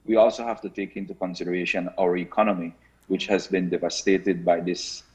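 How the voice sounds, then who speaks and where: A man's voice: deep voice, fairly even intonation, slightly rough. Man over a buzzy, glitchy call. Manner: measured, earnest, full of ums and restarts. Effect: buzzy, glitchy remote call audio that cuts out. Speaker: government health minister. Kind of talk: live interview over a remote call. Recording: muffled, lo-fi remote call line.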